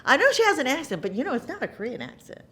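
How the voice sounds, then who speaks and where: A middle-aged woman in a theater interview, her pitch rising and falling freely as she talks. She reflects on her work in an animated, earnest way. She often doubles words for emphasis and brings quoted lines to life as she goes. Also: very fast. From United States. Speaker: actress interviewee.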